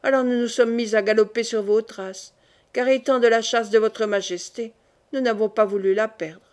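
A woman voicing a proud, quick-witted young king of Navarre who answers with smooth innocence and firm pride, in an audiobook. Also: on the high side, fairly even intonation, a little mellow, lightly acted. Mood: composed.

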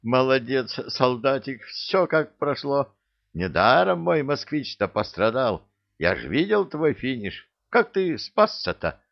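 A man's voice: mid-range voice, slow pace, creaky, no echo, highs cut off, pitched above the performer's own voice, exaggerated voice. A man doing a gleeful rambling old grandpa. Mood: excited. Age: older. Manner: excited, rambling.

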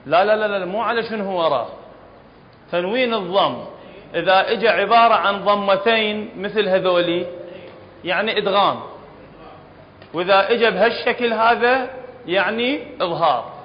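Iraqi male tajweed teacher, high voice, explanatory classroom delivery, muffled recording in a reverberant room. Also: normal speed, long pauses. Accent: Iraqi Arabic. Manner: explanatory, often checks understanding with the class. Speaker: Quran recitation teacher. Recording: dull lo-fi recording in a reverberant hall, faint background noise.

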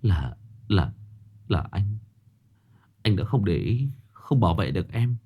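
A man's voice: medium pitch, sing-song, fairly quick, muffled recording, close to an everyday voice. Man voicing an earnest young boyfriend. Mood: remorseful. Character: devoted young boyfriend, protective.

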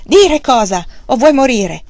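A stern farmer father in an audiobook, stubborn and quick to rage, his lines barked out as a woman reads him. The reading is dry and close. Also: fairly low pitch, very animated, no room sound. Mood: furious. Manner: stern, shouting in anger.

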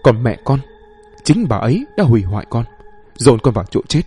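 A man's voice: mid-range voice, sing-song, brisk, warm tone, breathy edge, soft background music. A man reading a bitter vengeful young ghost woman. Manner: bitter, accusing.

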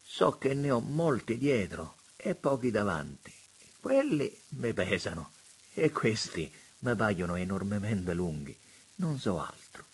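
A man voicing a weary old country gentleman who speaks quietly and with resignation. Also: fairly low pitch, big pitch swings, a little slow, breathy edge, heavily acted. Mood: resigned. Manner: quiet, resigned, slightly dialectal.

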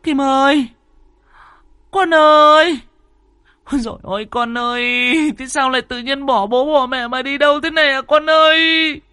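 A man voicing a distraught village mother who wails and sobs in a shrill voice for her lost child. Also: steady tone, a little slow, pushed and bright, dry recording, faint music behind, heavily acted. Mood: wailing. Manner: shrill, sobbing, lamenting.

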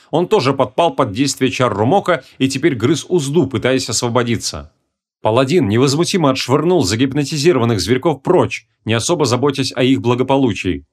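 A man narrating a humorous fantasy audiobook in an expressive, dramatic storytelling manner. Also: mid-range voice.

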